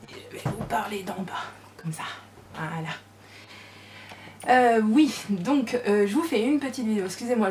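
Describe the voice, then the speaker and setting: A scrapbooking vlogger with a medium-pitched, darkish voice chats casually to camera from her home craft room, coaxing her dogs to sit as they move about. The distant camera mic picks up a noisy room.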